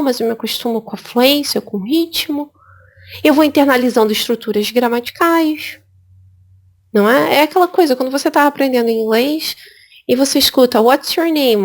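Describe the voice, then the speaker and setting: A woman from Brazil teaching an English exam prep lesson, lively and repeating words for emphasis. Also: high-pitched. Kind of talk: spoken lesson.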